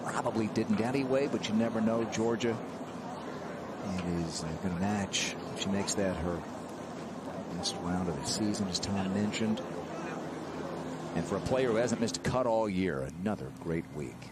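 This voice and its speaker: A man's voice: on the low side, moderate pace, pauses often, heavy background noise. A man working as lead announcer, giving live golf commentary on a broadcast.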